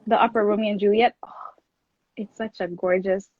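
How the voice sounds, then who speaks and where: As a guest on an interview, a young classical singer and voice teacher from Kenya, a native Luo speaker, talks with casual enthusiasm at a fairly quick pace. Her medium-pitched voice holds a steady tone, recorded close, dry, dull, and lo-fi without room sound.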